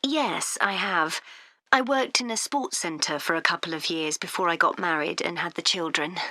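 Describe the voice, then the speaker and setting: A woman's voice: fairly low pitch, normal speed, sharp tone, no room sound, clean studio sound. A woman in her thirties playing a practical, upbeat mother looking for receptionist work in a scripted exam dialogue, asking friendly questions. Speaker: job seeker.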